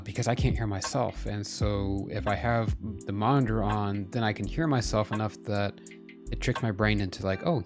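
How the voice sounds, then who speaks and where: A man chatting casually with viewers during a live game stream, self-deprecating and talking straight to chat. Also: on the low side. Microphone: headphones with desk mic. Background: soft background music.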